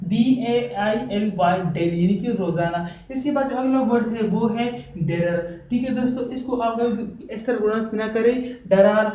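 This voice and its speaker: ऊँची आवाज़ वाला पुरुष शिक्षक, गूँजता कमरा. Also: male voice, high-pitched, warm tone, reverberant, a little hiss or hum, rough recording. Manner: repeats words slowly and asks himself questions. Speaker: English teacher, channel host. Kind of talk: spoken vocabulary lesson.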